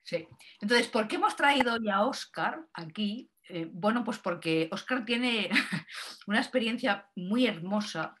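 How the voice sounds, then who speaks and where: A woman's voice: mid-range voice, animated, a little slow, fairly bright tone, husky. A woman hosting an interview, speaking loosely and hesitantly with many fillers. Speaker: interviewer, host. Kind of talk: casual interview.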